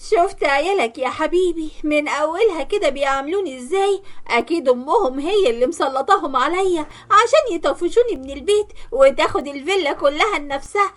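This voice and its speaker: A woman's voice: high-pitched, expressive, fairly quick. A woman doing a whiny, scheming young wife. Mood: indignant. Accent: Egyptian. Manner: pouting, wheedling.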